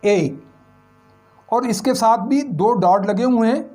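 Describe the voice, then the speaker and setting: A man's voice: very high-pitched, takes it slowly, dark tone. A male English teacher giving a recorded lesson on pronunciation, asking questions and answering them himself while repeating the key sounds.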